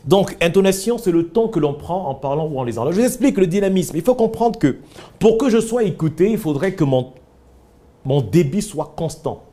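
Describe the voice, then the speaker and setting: A man leading a voice training workshop, coaching students with animated corrections. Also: sits high, brisk.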